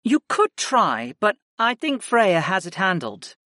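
A man voicing a gentle, reasoned woman professor in an audiobook. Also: high-pitched, wildly swooping pitch, a little slow, no echo, clean studio sound, voice pushed up, full character voice. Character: calm, wise woman professor and wife.

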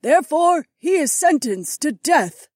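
A man's voice: extremely high pitch, sing-song, measured pace, dry recording, studio quality, pitched above the performer's own voice, full character voice. A man doing an icy, commanding queen. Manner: stone-cold, commanding. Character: cold, imperious queen, middle-aged woman. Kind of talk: audiobook character voice.

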